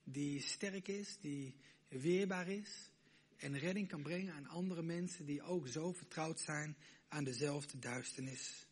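A man preaching a sermon, moving between hushed, intimate questions to the listener and loud, emphatic declarations. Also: on the high side, unhurried, breathy edge.

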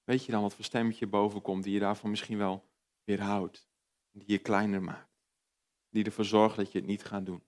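A man preaching a sermon in a conversational way. He asks his listeners direct questions, rises and gets louder on emphatic points, and drops soft on reflective ones. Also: on the low side, flat delivery, normal speed.

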